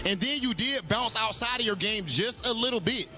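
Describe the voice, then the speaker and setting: A man's voice: high-pitched, normal speed, sharp tone. A man hosting a live esports event on stage, slangy and showy, with music behind him. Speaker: stage host and interviewer.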